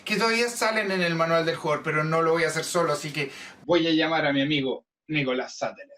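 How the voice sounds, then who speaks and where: A man's voice: on the high side, quick pace, sharp tone. A man from Chile hosting a tabletop roleplaying-game show, talking in a playful, conversational and enthusiastic way. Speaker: host. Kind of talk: explanatory roleplaying-game chat.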